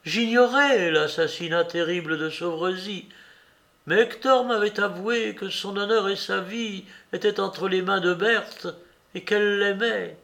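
A man's voice: measured pace, creaky, bright, forceful tone, full character voice. A man reading the part of a passionate, desperate young woman in an audiobook, pleading in a raised voice. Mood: impassioned. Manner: impassioned, pleading, raised pitch.

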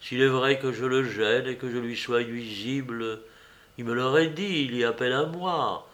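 A man reading the lines of a proud, heartbroken young woman in a hushed, pained tone. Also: mid-range voice, normal speed, natural voice.

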